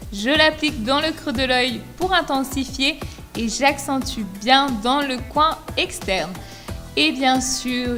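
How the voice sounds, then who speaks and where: A woman from France narrating a makeup tutorial voice-over, steady and explanatory, enthusiastic about the products. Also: high voice. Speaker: beauty vlogger. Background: music.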